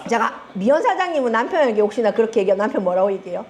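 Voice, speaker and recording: A middle-aged woman with a Gyeongsang Korean accent gives a lively talk to a seminar audience as a network marketing group leader, teasing them and asking them questions. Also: on the high side, very fast. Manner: animated, teasing, asks the audience often and laughs. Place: seminar room with a live audience.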